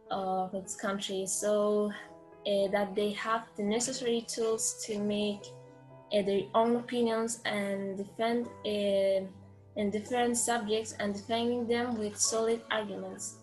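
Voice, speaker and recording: A teenage girl from Chile, a Spanish native speaker, talking slowly with many fillers through an earphone mic. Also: mid-range voice, darkish tone, rough recording. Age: teens. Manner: slow, with many uhs.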